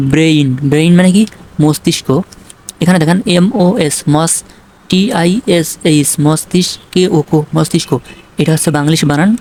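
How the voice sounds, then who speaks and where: A teacher runs a video lesson on English spelling and sounds. Each point is put as a question and answered right away, then repeated as a drill. Quick "right?" checks keep the students following along. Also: mid-range voice, darkish tone. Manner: asks a question and answers it himself, drilling by repetition.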